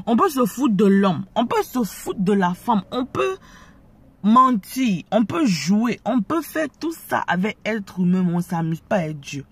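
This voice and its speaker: Ivorian French accent, husky voice, preachy, confrontational, talking straight to camera. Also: mid-range voice, very animated, unhurried. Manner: preachy, confrontational, addresses viewers directly. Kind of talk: direct-to-camera commentary.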